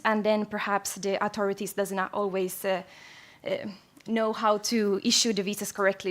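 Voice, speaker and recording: A young Finnish woman presents survey findings at a conference in a measured way, using frequent fillers. Her voice is medium in pitch.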